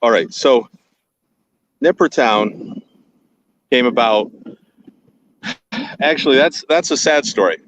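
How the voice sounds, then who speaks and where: A man joining an interview by phone, relaxed and a bit halting as he tells his story. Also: medium pitch. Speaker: interview guest. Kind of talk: casual conversation. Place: outdoors on a hill. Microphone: phone on a video call. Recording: dry, muffled phone call.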